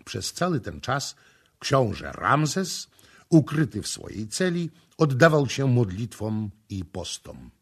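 A man reading a historical novel aloud as an audiobook narrator, with dramatic, measured storytelling. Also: lowish voice, fairly bright tone, breathy edge. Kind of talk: scripted narration.

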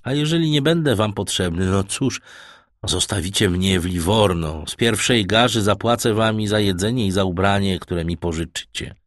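A man voicing a calm, self-assured shipwrecked sailor in an audiobook. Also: lowish voice, moderate pace, dry recording, studio quality, natural voice.

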